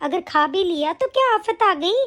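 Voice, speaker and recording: Very high-pitched defiant young wife. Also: female voice, animated, unhurried, full character voice. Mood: indignant. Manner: sharp and scolding. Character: young daughter-in-law, fed up and defiant. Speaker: voice actor. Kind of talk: animated story dialogue.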